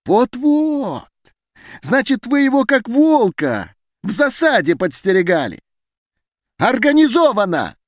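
A man's voice: extremely high pitch, big pitch swings, slow pace, no room sound, clean studio sound, voice pushed up, full character voice. A man reading an audiobook, voicing a heated, defiant male scientist who argues in declamatory outbursts. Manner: heated, declamatory, rising to shouts. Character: agitated male geneticist defying a meeting. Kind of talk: audiobook character voice.

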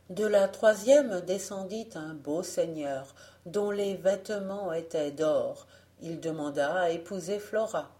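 A woman reading a fairy tale aloud as an audiobook narrator, in a measured storytelling manner. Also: lowish voice, warm tone. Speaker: audiobook reader.

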